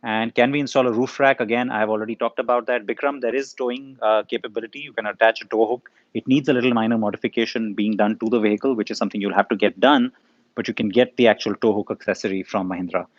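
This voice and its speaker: A man's voice: fairly low pitch, fairly even intonation, quick pace, no room sound, highs cut off. A middle-aged man, answering viewers' questions in a live session, conversational with frequent ums and uhs. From India. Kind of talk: live Q&A, casual explanation.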